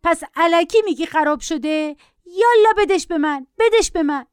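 A woman voicing a spoiled little boy who shrieks shrill demands in a storybook reading. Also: lively intonation, dry recording, clean studio sound. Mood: furious.

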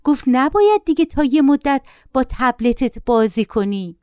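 A woman's voice: high-pitched, big pitch swings, darkish tone, clean tone, no room sound, voice pushed up. A woman reading the lines of an aunt who coaxes a child in a matter-of-fact way. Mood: coaxing. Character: meddling aunt.

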